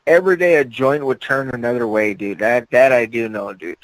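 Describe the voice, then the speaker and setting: A man's voice: medium pitch, fairly quick, no room sound, rough recording. A man co-hosting a casual horror podcast, teasing his friends and saying dude constantly. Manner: teasing, says dude a lot. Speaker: podcast co-host.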